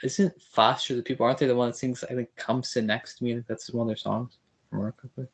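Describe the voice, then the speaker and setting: A man's voice: medium pitch, little pitch movement, quick pace, husky. A man hosting a podcast interview, joking and enthusiastic in casual chat. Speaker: podcast host.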